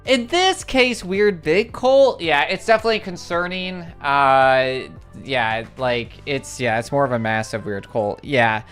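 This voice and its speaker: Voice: mid-range voice, a little slow, soft background music. A livestream host chatting casually and rambling through a long story, with many filler words and repeated exclamations of how crazy it is. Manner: excitable, repeats "it's crazy".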